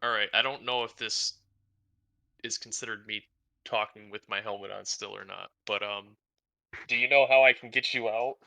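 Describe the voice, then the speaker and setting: A man's voice: lowish voice, fairly even intonation, normal speed, vocal fry, bright, forceful tone. A man playing a tabletop game, eager and asking questions. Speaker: player. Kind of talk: casual tabletop play.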